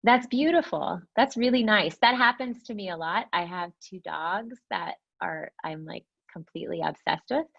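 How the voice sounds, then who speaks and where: A woman teaching a mindfulness class in a gentle, reflective way, often checking in with "right?", heard over a video call. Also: lowish voice, normal speed, gravelly, hardly any pauses. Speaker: meditation teacher. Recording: dull lo-fi call audio.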